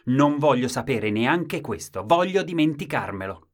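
A man's voice: mid-range voice, big pitch swings, takes it slowly, pitched above the performer's own voice. A man reading a children's story, voicing a stubborn man who wants to know nothing, with a raised, insistent delivery. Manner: insistent, raising his voice.

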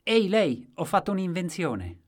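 A man's voice: medium pitch, a little slow, pitched above the performer's own voice, natural voice. A man voicing an eager, out-of-touch male inventor who keeps blurting out his news in a story reading. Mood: eager, exclaiming. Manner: excited, blurting exclamations.

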